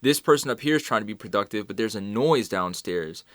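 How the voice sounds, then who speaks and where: Bright-voiced man rambling through a theory. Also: on the low side, lively intonation, a little fast, no room sound, clean studio sound. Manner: rambling, restarting explanations. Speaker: podcast co-host. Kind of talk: casual film discussion.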